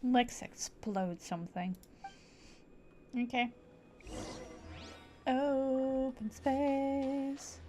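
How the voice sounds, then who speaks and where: A woman game streamer gives casual live commentary on her gameplay, with playful, cutesy word play. Her voice is high-pitched yet dark in tone, and faint background noise mingles with the game ambience.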